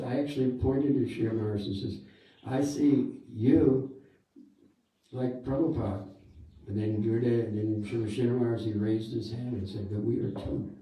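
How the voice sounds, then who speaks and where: A man's voice: fairly low pitch, warm tone, recorded from a distance. A man giving a sermon in a temple hall. He talks in a conversational way and keeps adding asides. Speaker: guru giving a talk. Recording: echoey hall, speaker off-mic.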